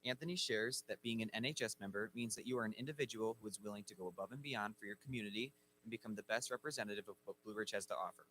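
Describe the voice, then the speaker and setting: A man's voice: lowish voice, rapid-fire, few pauses, sharp tone, slight background noise, rough recording. A man announcing at a school ceremony, reading inductee bios formally from a lectern microphone. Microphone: speaking at a lectern microphone.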